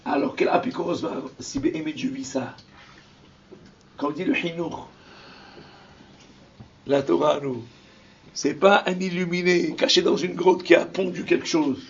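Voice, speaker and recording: A man giving an impassioned sermon as a rabbi, dropping to whispers and rising to shouted verses. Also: fairly high pitch, fairly even intonation, unhurried, pauses often, slight background noise. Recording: distant lo-fi recording.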